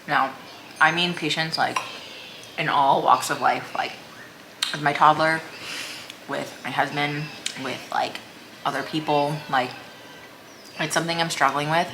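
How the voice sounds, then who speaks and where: A woman's voice: low voice, fairly even intonation, a little slow, long pauses, background noise. A woman chats casually over a meal, rambling hesitantly and leaning on "like" as a filler. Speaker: vlogger. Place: small room at home, indoors.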